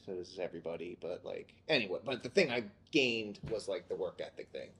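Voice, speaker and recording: Young male host, low voice, chatty teasing interviewer, filler-heavy. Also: animated, fairly quick, a bit bright. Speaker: podcast host. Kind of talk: casual interview chat. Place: in a theater building.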